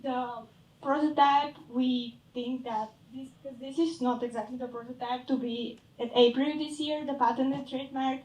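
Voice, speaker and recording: Young Bulgarian woman pitching in an echoey hall. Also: darkish tone, distant mic. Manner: hesitant, searching for words, fades at phrase ends. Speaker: startup founder pitching. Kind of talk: pitch and Q&A answers.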